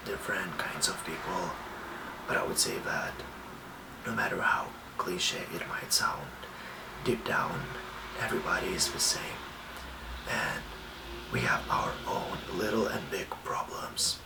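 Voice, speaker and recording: A young man from Lithuania, giving soft, reassuring self-care tips in a whispered ASMR talk. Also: low voice, roomy sound, distant mic, heavy background noise. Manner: soft, slow and gently reassuring. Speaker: ASMR host.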